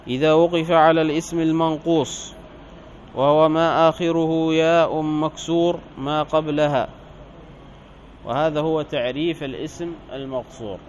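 A man with a fairly high voice teaches a grammar lesson, working through a text line by line. He reads the quoted passages louder and lingers on each example. A faint hiss runs under the recording. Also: dull audio. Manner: reads quoted text louder, slows on examples, corrects his own slips. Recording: faint background noise.

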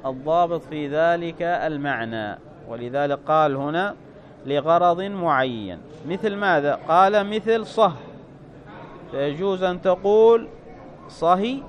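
A man with a high voice teaches a grammar lesson. He reads passages of a classic text aloud with extra force, then slows down to explain them patiently. Now and then he asks whether the point is clear. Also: highs cut off. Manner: reads quoted text louder, then explains calmly with checks for understanding.

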